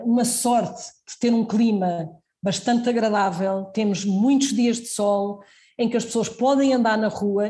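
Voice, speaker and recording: Earnest Portuguese woman doctor, mellow voice. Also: on the high side. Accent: European Portuguese. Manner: earnest, advising, many restarts. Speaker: doctor guest. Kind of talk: casual interview answers.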